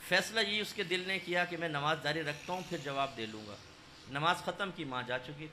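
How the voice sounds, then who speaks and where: A man delivers a sermon, his voice pitched high and bright, pushing into loud emphatic stresses. He tells a story and acts out each quoted voice. Faint background noise hums under the recording. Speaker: religious scholar.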